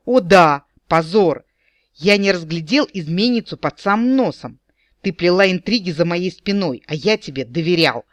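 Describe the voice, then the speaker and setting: A man voicing a sarcastic, indignant male elf captain who shouts accusations in an audiobook. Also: high-pitched, expressive, moderate pace, dry recording. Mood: mocking, indignant.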